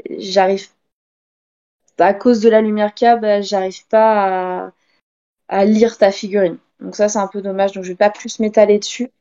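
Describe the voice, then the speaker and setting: A woman's voice: medium pitch, little pitch movement, moderate pace, mellow, dull audio. Hesitant woman giving painting feedback. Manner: hesitant, many fillers, friendly. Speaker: miniature painting reviewer. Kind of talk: casual critique.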